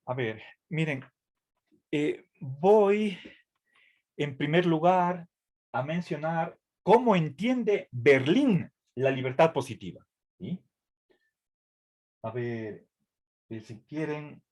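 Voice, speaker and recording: A man lecturing at a university tutoring session speaks slowly, pausing often, in a slightly high, animated and a little mellow voice. He's hesitant, with lots of fillers and restarts, explaining carefully and frequently asking "¿sí?" to check comprehension.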